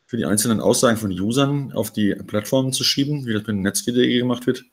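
Typ mit rauer stimme, redet fix, diskutiert locker im podcast. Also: male voice, mid-range voice, husky. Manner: quick, opinionated, laughs often. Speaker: podcast co-host. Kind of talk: casual chat.

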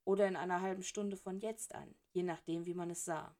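A woman's voice: lowish voice, fairly even intonation, a little fast, warm tone. Woman reading a story aloud. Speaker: audiobook narrator. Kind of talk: storybook narration.

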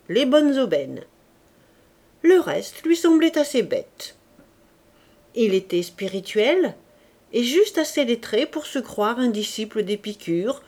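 Woman narrator for a classic novel audiobook, unhurried and expressive. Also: on the high side.

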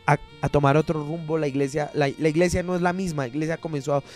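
High-voiced pastor preaching. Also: male voice, fairly even intonation, faint music behind. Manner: preaching with many pauses and restarts. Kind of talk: radio sermon.

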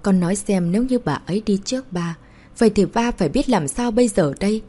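A woman voicing a worried aging father in an audiobook, speaking low and hushed. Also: expressive, brisk. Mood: anxious.

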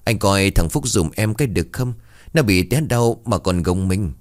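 A man's voice: on the low side, lively intonation, moderate pace, close to an everyday voice. A man voicing a young, upright village woman in a storybook tale. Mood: weary.

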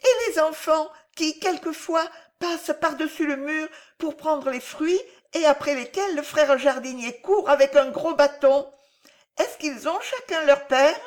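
A woman's voice: sits high, measured pace, pitched above the performer's own voice. A woman reading an audiobook and voicing a small, lonely orphan boy who asks pleading questions. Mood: plaintive questioning.

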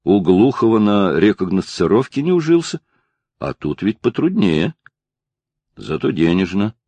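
Guy reading a slow grumpy young worker, deep and kinda husky, dry close sound. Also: very animated, dark tone, no room sound, full character voice. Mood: grumbling. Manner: gruff, grumbling. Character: slow, clumsy young male expedition worker.

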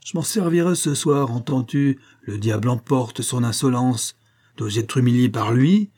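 A man reading an audiobook, voicing a contemptuous, hot-tempered young male horse trainer who shouts insults at his servant. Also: medium pitch, moderate pace, natural voice. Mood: furious. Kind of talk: audiobook character voice.

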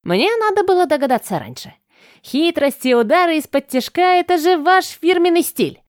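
A woman's voice: very high voice, animated, fairly quick, no room sound, studio quality, pitched above the performer's own voice. A woman voicing a cocky male goblin trickster who talks in a mocking, boastful way.

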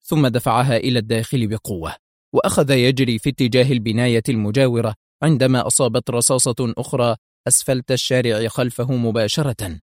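A man narrating a spy thriller with a steady, dramatic delivery. His voice sits at a middle pitch, recorded close and dry with no room echo. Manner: measured dramatic reading. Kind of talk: audiobook reading of a spy novel.

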